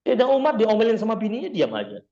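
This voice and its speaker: Lively storytelling male preacher. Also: high voice, rapid-fire, lo-fi sound. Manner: lively storytelling, acts out quoted voices. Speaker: Islamic preacher. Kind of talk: casual Jakarta-style sermon.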